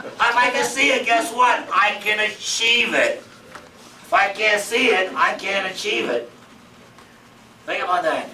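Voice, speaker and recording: Heard from far off in an echoey room with faint background noise, a seminar speaker in his fifties delivers a motivational talk. His voice sits high and moves at a measured pace with frequent pauses, while his style is emphatic, repetitive, and rhetorical.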